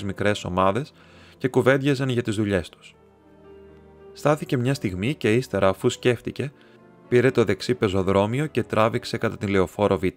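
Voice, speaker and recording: Low-voiced man reading an audiobook. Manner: steady, measured storytelling. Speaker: audiobook reader. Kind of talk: audiobook narration. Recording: soft instrumental music underneath.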